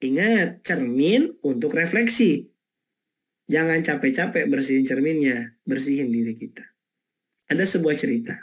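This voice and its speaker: Brief: husky-voiced Indonesian male preacher, lively storytelling sermon. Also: a little high, moderate pace. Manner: lively, storytelling, rhetorical questions. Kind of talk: sermon webinar talk.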